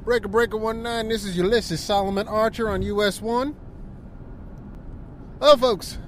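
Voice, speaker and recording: A man doing a high-voiced trucker over walkie-talkie. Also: normal speed, over music. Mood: hailing. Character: male trucker hailing on a CB radio. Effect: calling in over a CB walkie-talkie radio. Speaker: podcast host. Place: in a car.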